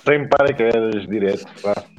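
A man's voice: lowish voice, moderate pace. A man with a European Portuguese accent in casual comic banter, teasing and provocative in his slangy talk. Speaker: podcast co-host. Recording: muffled lo-fi sound, music behind.

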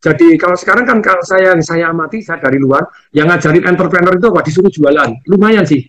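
A man, speaking quickly and emphatically in casual conversation and laughing often as he talks. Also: fairly high pitch, fairly bright tone. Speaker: financial seminar speaker.

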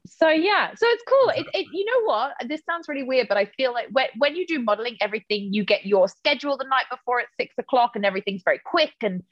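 Woman chatting playfully, highish voice. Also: animated, quick pace, few pauses, no echo, lo-fi sound. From Britain. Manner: playful, rambling. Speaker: interview guest, model and actress. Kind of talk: casual chat.

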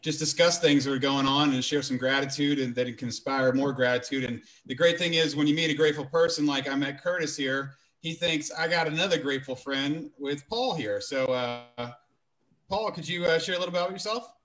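A man's voice: fairly high pitch, a little fast, fairly bright tone, rough recording. A man hosting a podcast, talking casually with a friendly, filler-heavy manner. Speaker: podcast host.

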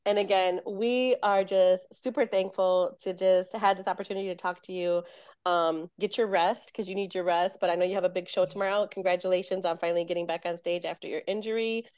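A woman's voice: fairly low pitch, steady tone, a little fast, clean tone, dry recording. A woman hosting an interview, praising her guest in a gushing way with lots of "you know" fillers. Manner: gushing, warm-hearted praise with many fillers. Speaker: host. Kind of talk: casual interview chat.

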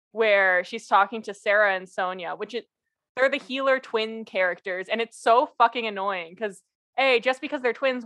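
A young woman co-hosting a podcast, chatting casually about a book with animated, sarcastic energy and free swearing. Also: mid-range voice. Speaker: podcast co-host.

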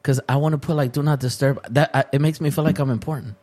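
A middle-aged man with a slightly high voice chats as a podcast host. He jokes in loose bro slang and slips between English and Spanish. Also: fairly even intonation, quick pace, darkish tone. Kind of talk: casual podcast banter.

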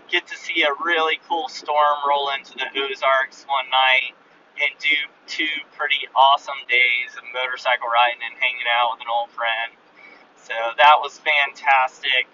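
A man with a hard, sharp-edged voice gives a relaxed road-trip update. He talks in a flat, even tone and rambles with lots of fillers. He recorded it on a phone held a little away, so it sounds muffled and a little distant, with faint vehicle noise behind him. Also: a little high. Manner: loose and rambling, with many fillers. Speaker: podcast host. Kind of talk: casual spoken road journal update.

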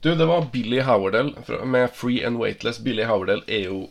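A man's voice: medium pitch, creaky. A man, the show's DJ, chatting casually with dry, understated remarks. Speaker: radio DJ and co-host. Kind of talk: casual radio chat.

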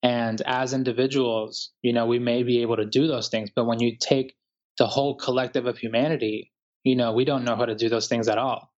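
A man from Ecuador, a writer, talking calmly and thoughtfully in an interview, with many pauses and fillers. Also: mid-range voice, dull audio. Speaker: guest writer. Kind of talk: reflective interview talk.

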